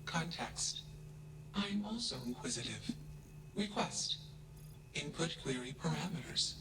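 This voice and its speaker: An actor voicing a flat, emotionless AI in a video game, speaking in clipped monotone statements that each start with a label word. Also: male voice, on the high side, a little slow. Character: flat emotionless AI, a thinking machine.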